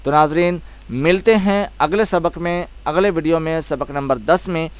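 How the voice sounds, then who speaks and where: A man teaching a tajweed lesson, slowly sounding out letters one by one and explaining each with patient repetition. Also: a little high, smooth. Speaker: Quran recitation teacher.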